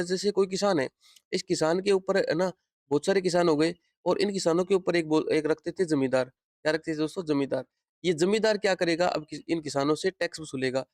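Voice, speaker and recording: Brief: male teacher, slightly high voice, exam-prep lesson, repetitive question-and-answer drilling, dry close mic. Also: darkish tone, no echo. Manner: addresses viewers as friends often.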